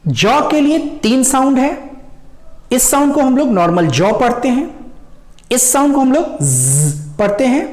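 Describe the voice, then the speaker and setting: A woman teaches English sounds in a slow, deliberate lesson, stretching each vowel as she demonstrates it. Her voice sits fairly high and moves a lot in pitch. It rings in a noticeably echoey room. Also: a little mellow.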